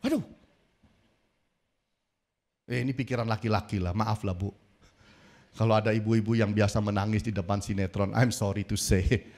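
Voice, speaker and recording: A male pastor preaching a sermon, telling a story dramatically and rising to near-shouts at its peaks. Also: fairly low pitch, steady tone, fairly quick.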